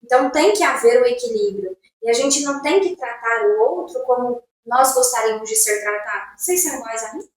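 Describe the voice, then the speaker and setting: A woman chatting on a podcast in a fairly high voice, stressing her points with quick strings of rhetorical questions. She sits well away from the mic in a strongly echoing room. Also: animated. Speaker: podcast co-host. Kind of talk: casual chat. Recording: echoey room, voice far from mic.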